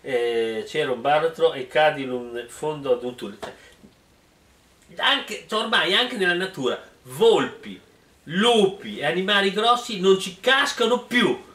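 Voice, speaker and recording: A man's voice: a little high, a little slow, recorded from a distance. A man doing a mock-dramatic reading of a silly story, stopping for joking asides and mocking remarks. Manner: animated, mocking, breaks into laughter. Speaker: reader and comic commentator. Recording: roomy, off-mic sound.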